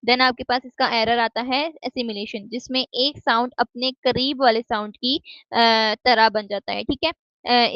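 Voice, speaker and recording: A woman delivers a recorded lecture in Hindi-Urdu, explaining things step by step, mixing in English terms and repeatedly checking with "theek hai?" Her voice is fairly high-pitched with vocal fry, on a dull, dry lo-fi recording with no echo.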